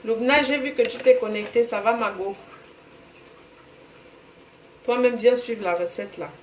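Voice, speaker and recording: In a fairly high voice and at a measured pace, a Cameroonian French-accented woman hosts a cooking livestream from her kitchen at home. She chats casually and calls out viewers by name, and the recording has a roomy echo with faint background noise.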